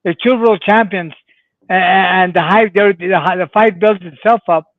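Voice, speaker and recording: A man's voice: high-pitched, fairly even intonation, moderate pace, dry recording. A man hosting a boxing talk show from a remote line, making short, emphatic remarks. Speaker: show host. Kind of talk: casual boxing chat. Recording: tinny phone-like line.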